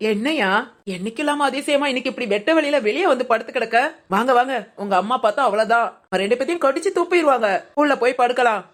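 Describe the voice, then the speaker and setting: A playful young wife in a cartoon family drama teases her husband in light banter, as a woman plays her. Her voice is high and quick. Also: lively intonation. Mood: teasing.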